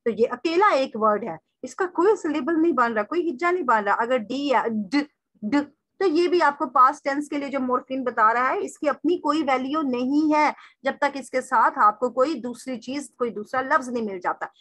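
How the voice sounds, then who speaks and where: Woman lecturer, high voice, dry close sound. Poses her own questions and answers them, drills example words slowly. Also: fairly bright tone, no echo. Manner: addresses listeners as "sir" in a formal way. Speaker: teacher. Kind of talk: recorded lecture reading through a text.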